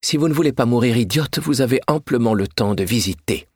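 A man's voice: mid-range voice, lively intonation, fairly quick, slightly rough, no room sound, studio quality, voice pushed up. A man reading a storybook, voicing an imperious wealthy widow who scolds her young maid. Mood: scornful. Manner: scolding, sharp and condescending. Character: haughty wealthy woman in mourning, imperious.

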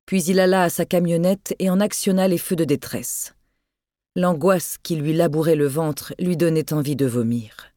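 An audiobook narrator reading a thriller in a measured, even storytelling manner. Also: mid-range voice, no echo, clean studio sound.

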